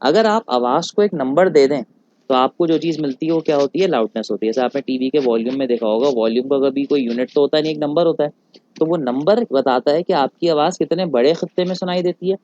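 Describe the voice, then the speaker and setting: A male physics teacher giving a recorded lecture. He asks rhetorical questions, answers them himself, calls students "beta" and slows down on English technical terms. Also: a little high, mellow. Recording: dull lo-fi, dry recording.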